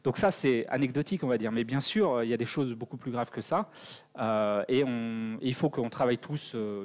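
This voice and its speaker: A man's voice: mid-range voice, a little mellow. Hesitant French man answering audience questions. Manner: hesitant, many fillers and restarts. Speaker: conference speaker. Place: conference hall.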